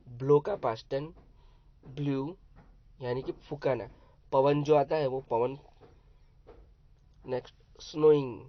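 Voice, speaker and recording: Slow, patient male teacher spelling words. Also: mid-range voice, dry recording. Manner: spells words letter by letter, then explains. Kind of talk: vocabulary lesson for young pupils. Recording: dull, dry lo-fi sound.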